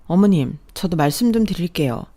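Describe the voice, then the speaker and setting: A woman's voice: lowish voice, animated, fairly quick, dark tone. A woman voicing a fed-up young wife who firmly stands up to her mother-in-law and husband. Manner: firm, heated.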